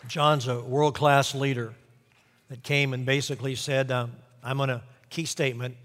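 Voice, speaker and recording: A man's voice: mid-range voice, level tone, moderate pace, a bit bright, long reverb tail, a little hiss or hum. A male pastor preaching a sermon, speaking directly to his listeners and urging them on.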